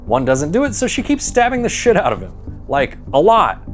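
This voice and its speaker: Lively, sarcastic man narrating over music. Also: high voice, moderate pace. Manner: sarcastic, irreverent, sweary. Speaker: host and narrator of movie recap show. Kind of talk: comedic scripted narration. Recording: music behind the voice. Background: background music.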